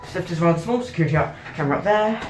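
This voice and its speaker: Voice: mid-range voice, very fast. Echoey, noisy casual vlogger. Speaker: vlogger touring lifts. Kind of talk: casual running commentary. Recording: echoey, noisy lift interiors. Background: lift ambience noise.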